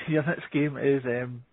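A man hosting a casual chat, asking brisk questions and laughing often. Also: mid-range voice, slight background noise. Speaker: podcast host. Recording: tinny phone-like line.

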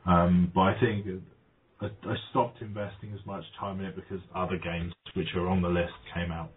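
Man, deep voice, rambling reminiscing, lots of ums, phone-quality audio. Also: level tone, moderate pace. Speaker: podcast guest. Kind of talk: casual chat. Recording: tinny phone-like line, faint noise.

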